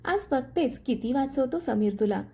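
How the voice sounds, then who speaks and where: A scheming young sister-in-law from a storybook drama, voiced by a woman narrator, sly and spiteful. She sneers and mocks in a mellow, fairly high voice. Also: lively intonation, normal speed. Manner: mocking, spiteful.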